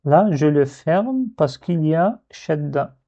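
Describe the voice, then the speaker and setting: A man's voice: a little high, expressive, slow, warm tone. A man teaching a reading lesson step by step, patiently repeating syllables to demonstrate pronunciation. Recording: dull, muffled lo-fi recording.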